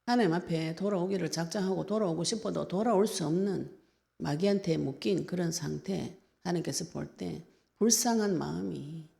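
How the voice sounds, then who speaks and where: A woman's voice: on the low side, gravelly, warm tone. A woman pastor with a Gyeongsang Korean accent, preaching a sermon in an earnest, conversational way.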